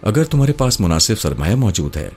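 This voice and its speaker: A man's voice: lowish voice, big pitch swings, warm tone, breathy edge, faint music behind, voice pushed up, exaggerated voice. A male narrator voicing a young, wealthy, affectionate woman who pleads emotionally in a storybook reading. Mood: pleading.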